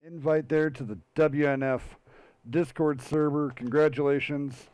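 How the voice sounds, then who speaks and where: A man hosting a weekly online tank match show, calmly announcing players and giveaways. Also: a little high, unhurried, smooth, no room sound. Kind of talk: esports commentary.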